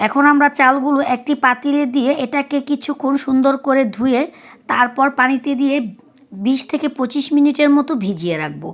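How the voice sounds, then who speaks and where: High-voiced woman narrating a recipe. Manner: chatty, explains each step. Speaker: cooking vlogger.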